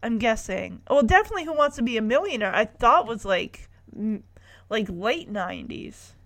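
A woman casually recapping a sitcom episode, chatty and acting out the characters' lines in quick quotes. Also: a little high, sing-song, a bit bright.

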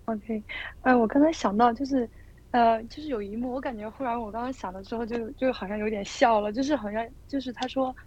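A woman's voice: fairly high pitch, a little fast, darkish tone, highs cut off. A woman guest sharing a personal testimony in a casual Bible study, telling it as a story with many fillers.

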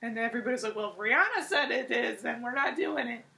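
A woman's voice: on the high side, animated, quick pace, vocal fry, bright, forceful tone. Chatty young woman telling a story. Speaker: podcast co-host. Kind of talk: casual chat.

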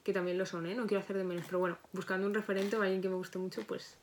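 A woman's voice: mid-range voice, level tone, very fast, slight background noise. A young woman, a psychologist chatting as a podcast guest in a reflective, self-correcting way. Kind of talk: casual podcast interview.

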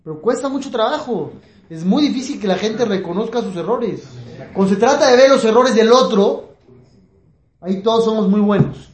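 A man's voice: sits high, moderate pace, slight background noise. A man, a rabbi giving a class who asks his listeners questions and acts out the people in his stories with humor. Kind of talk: Torah class lecture. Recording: echoey room.

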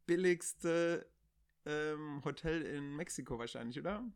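A woman's voice: low-pitched, unhurried, a little mellow, clean tone. A woman in a casual chat, interjecting with questions and joking comments. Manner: chatty, interjecting with quips and questions.

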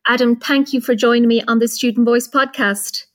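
A woman's voice: a little high, fairly even intonation, moderate pace, a bit bright. A woman with an Irish accent hosting a podcast interview in an encouraging, attentive manner. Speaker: podcast host.

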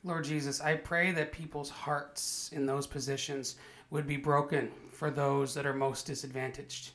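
A man's voice: on the high side, little pitch movement, measured pace, fairly bright tone. A man, a pastor hosting a podcast, praying earnestly and then introducing his guest.

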